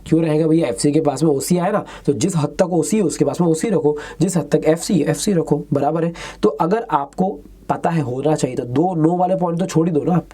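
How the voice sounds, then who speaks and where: A man giving an exam-prep lecture, mixing Hindi and English, reading questions out slowly and adding chatty asides. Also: fairly high pitch, dark tone.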